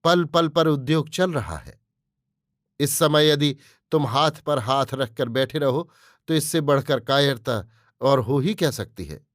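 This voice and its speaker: A man's voice: mid-range voice, lively intonation, unhurried, no echo, studio quality, natural voice. A man voicing a fiery, preaching young nationalist. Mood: urgent. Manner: emphatic, preaching. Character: fiery young male nationalist, forceful lecturer.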